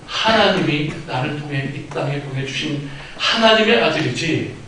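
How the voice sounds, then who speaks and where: Man, preacher, vivid storyteller, slightly high voice, very echoey distant recording, faint noise. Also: animated, normal speed. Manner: storytelling preacher, acts out quoted speech with sudden loud outbursts. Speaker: pastor. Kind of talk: sermon. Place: church sanctuary. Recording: very echoey hall, mic at a distance.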